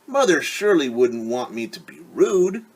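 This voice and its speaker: A man's voice: a little high, big pitch swings, moderate pace, husky. A man voicing a polite, eager young girl in a storybook reading.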